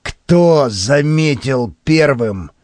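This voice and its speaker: A man voicing a gruff, bullying male policeman who interrogates a crowd. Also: mid-range voice, expressive, a little mellow, no room sound. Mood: interrogating. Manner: menacing, slow and commanding.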